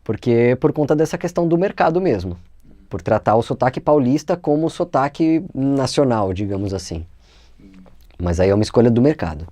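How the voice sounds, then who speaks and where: A man with a São Paulo Brazilian accent, calmly explaining as a voice actor guest in an interview. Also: medium pitch, a little fast, no room sound. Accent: São Paulo Brazilian Portuguese.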